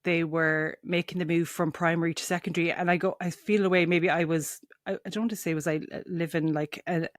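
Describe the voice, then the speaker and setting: Fast-talking woman, west of Ireland accent. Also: on the low side, fairly even intonation, dry recording, clean studio sound. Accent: west of Ireland, Mayo. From County Mayo, Ireland. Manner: earnest, rambling, rephrases mid-sentence. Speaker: interviewer, host. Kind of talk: conversational interview.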